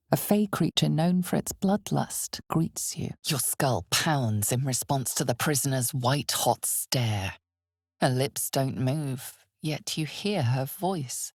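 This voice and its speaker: A female narrator for a dark fantasy video game sounds grave and ominous, with a very low voice and gravelly fry at its edges. She performs each scripted line slowly and dramatically with measured weight, in a full character voice. The recording is studio quality with no echo.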